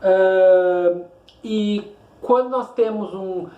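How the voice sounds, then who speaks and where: A man's voice: sits high, extremely slow, roomy sound, narrow, tinny audio. A man teaching an online class, lecturing and asking then answering his own questions.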